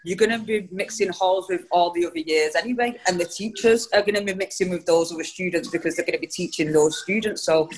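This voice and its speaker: A woman's voice: on the low side, fast, hardly any pauses, rough recording. Woman, informal and colloquial. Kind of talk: casual chat. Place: tattoo shop. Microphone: speaking through a face mask.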